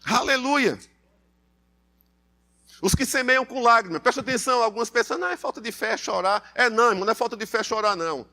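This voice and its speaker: Brazilian male pastor, high bright voice, emphatic church sermon. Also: expressive, brisk. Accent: Brazilian Portuguese. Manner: emphatic, repetitive, addresses congregation as beloved.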